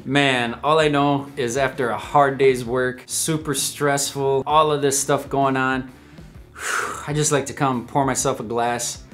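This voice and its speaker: A man's voice: medium pitch, steady tone, a little slow, hardly any pauses, fairly bright tone, faint music behind. A man hosting a casual whiskey tasting vlog at home, chatty and upbeat, talking straight to his viewers. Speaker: host of a whiskey review channel.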